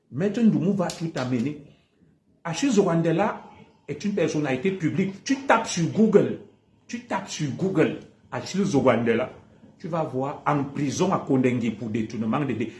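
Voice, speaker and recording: A combative man with a Cameroonian French accent rants through a live stream, repeating his points with heavy emphasis. His fairly high voice swings widely in pitch. The room around him sounds echoey. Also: a little mellow. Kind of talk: heated livestream monologue.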